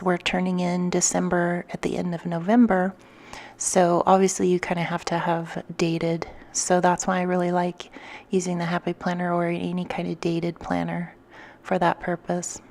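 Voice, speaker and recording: A woman's voice: on the low side, creaky, a little mellow. A woman giving a casual craft tutorial as a vlogger, chatting through each step as she works. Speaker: craft vlogger and design team member.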